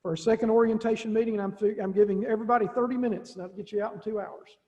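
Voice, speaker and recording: A man's voice: high voice, steady tone, very fast, dark tone. A man, the director of schools, giving rambling, folksy remarks with many restarts at a school board meeting. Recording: dull lo-fi audio in a reverberant room.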